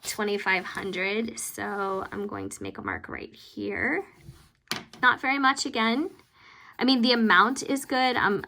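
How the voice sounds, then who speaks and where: Woman, bright forceful voice, vocal fry endings, casual vlog commentary, informal, rambling, self-deprecating. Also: medium pitch. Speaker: planner vlogger hosting budget updates. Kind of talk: casual chatty voice-over commentary while working.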